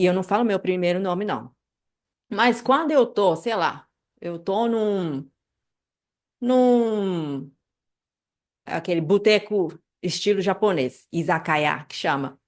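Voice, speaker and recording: Woman, language teacher, chatty live online class, mid-pitched voice, lively asides. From Brazil. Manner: chatty, many fillers like "né" and "tá", animated asides.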